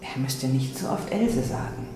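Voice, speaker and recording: A man giving an expressive reading of a literary inner monologue in dramatic, shifting tones, in an echoey room with faint noise. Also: medium pitch, a little slow. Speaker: reader.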